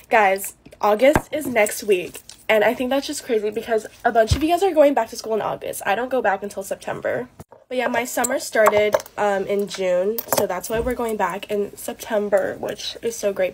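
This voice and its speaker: A woman's voice: medium pitch, normal speed, background noise. A teenage girl chatting casually through a get-ready-with-me makeup vlog, full of fillers like "like" and "um". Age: late teens. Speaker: beauty vlogger.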